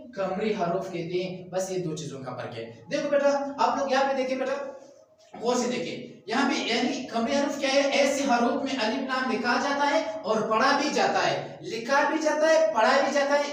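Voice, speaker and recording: A man's voice: extremely high pitch, a little hiss or hum. A man teaching a grammar class, drilling his students with repeated questions and calling them "beta". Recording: very echoey room, voice from far off.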